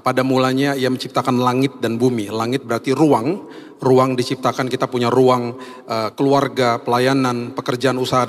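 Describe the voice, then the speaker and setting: A man pastor preaching a sermon with a hoarse voice, stressing key phrases slowly and emphatically. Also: mid-range voice. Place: church hall. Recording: long hall reverb.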